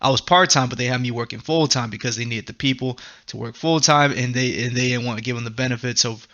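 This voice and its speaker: Bright-voiced man ranting casually. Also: medium pitch, fast talker, highs cut off. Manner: profane, rambling, laughs often. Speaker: commentary host. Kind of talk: casual anime commentary rant.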